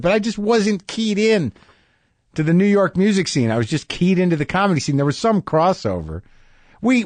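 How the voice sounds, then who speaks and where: Middle-aged male podcast host, dry close mic, mid-pitched, rambling and wry. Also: darkish tone, dry recording. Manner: rambling, self-deprecating, wry. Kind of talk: casual conversational monologue and interview.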